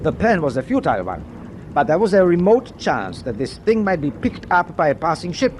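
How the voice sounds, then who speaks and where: In a wartime radio drama, a male actor plays a stern, proud, middle-aged German captain, speaking in a clipped, deliberate, imperious manner with a cold, menacing mood. His voice is fairly high with big pitch swings, and there's a little hiss or hum in the recording.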